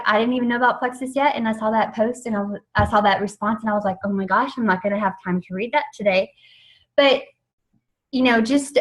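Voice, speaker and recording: A young woman talking her team through a training session. Her pitch sits right in the middle range, and she keeps an eager, chatty flow full of ums and restarts, like she's talking to friends rather than lecturing. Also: poor audio. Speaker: network marketing team trainer. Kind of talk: informal training talk.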